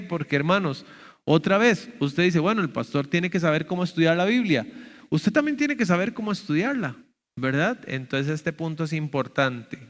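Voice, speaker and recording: A man's voice: a little high, fairly bright tone, long reverb tail. A male pastor teaching a sermon, explaining step by step and often checking with "¿verdad?". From Costa Rica. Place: church sanctuary.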